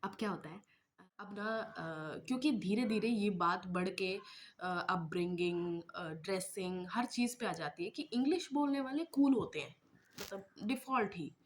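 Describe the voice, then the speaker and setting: A woman's voice: mid-range voice, a little slow, a little hiss or hum. Chatty woman vlogging. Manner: chatty, mixes English words into Hindi, many fillers. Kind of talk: casual talking-head vlog.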